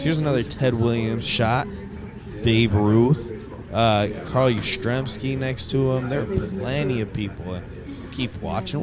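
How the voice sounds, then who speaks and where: A young man narrating his stadium tour video in a casual, enthusiastic, rambling way with lots of fillers. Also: mid-range voice. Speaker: vlogger giving a stadium tour.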